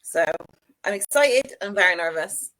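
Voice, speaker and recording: A woman's voice: medium pitch, animated, moderate pace, pushed and bright, poor audio. Giggly woman author guest. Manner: giggly, goes off on tangents. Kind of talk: casual interview chat.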